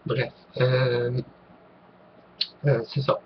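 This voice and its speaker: A man's voice: medium pitch, completely flat delivery, drawn-out words, highs cut off, background noise. A man with a Québécois accent answering viewer questions to camera, hesitant, with many fillers and restarts. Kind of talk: casual talk to camera.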